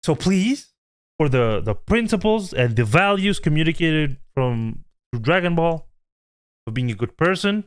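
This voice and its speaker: Man, twenties, host; earnest pleading rant, smooth clear voice, unhurried. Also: fairly high pitch, big pitch swings. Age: 20s. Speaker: channel host. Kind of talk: heartfelt vlog rant.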